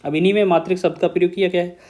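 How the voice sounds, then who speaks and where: A man's voice: sits high, flat delivery, racing, a little mellow. A man teaching an exam-prep grammar lesson, explaining step by step, repeating key terms and often checking in with his students.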